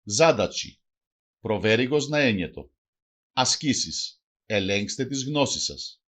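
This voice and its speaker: A man's voice: mid-range voice, expressive, fairly bright tone, breathy edge. A man with a Greek accent reading a language lesson aloud, saying phrases one by one and then translating each. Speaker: language teacher.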